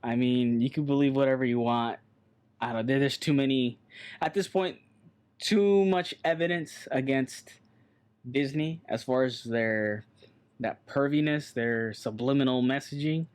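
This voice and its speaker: A man's voice: medium pitch, measured pace, darkish tone, smooth. Man, podcast co-host, casual chat, joking, swearing, repeats phrases.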